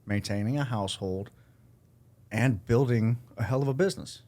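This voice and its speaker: A man hosting a podcast, relaxed and upbeat, talking in a casual, slangy way with his guest. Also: medium pitch, moderate pace. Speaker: podcast host. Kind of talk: casual interview chat.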